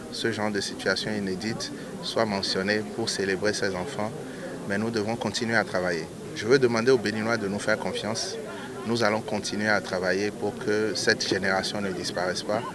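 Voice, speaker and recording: A man speaks to reporters outdoors at an airport arrival, pausing often on fillers. His voice sits low. A lively crowd is clearly heard behind him. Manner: hesitant, with many fillers. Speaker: official speaking to press. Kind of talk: press statement. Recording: outdoor interview with crowd noise. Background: cheering crowd.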